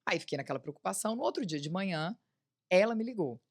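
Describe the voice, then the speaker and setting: Fast, animated São woman. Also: on the low side. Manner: animated, acts out quoted voices. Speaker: guest. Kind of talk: casual storytelling. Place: podcast studio.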